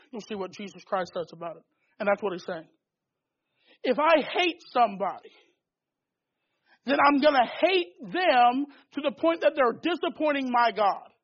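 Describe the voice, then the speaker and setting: A man's voice: very high voice, fairly bright tone. A man preaching a sermon in a fervent, emphatic way, pushing his points in rising bursts. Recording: dull lo-fi recording.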